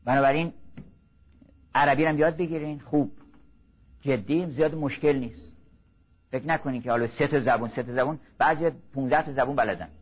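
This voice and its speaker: An older man giving a measured, exhorting religious lecture, slow and earnest. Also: medium pitch, husky. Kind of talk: sermon-style lecture. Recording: muffled lo-fi recording.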